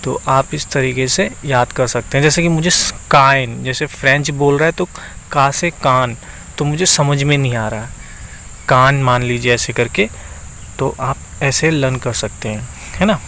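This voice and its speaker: A man teaching a map lesson, speaking slowly and repeating himself, often checking in with the viewer. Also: mid-range voice, pushed and bright, slight background noise, low-quality recording. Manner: slow, repeats itself and keeps checking in with the viewer.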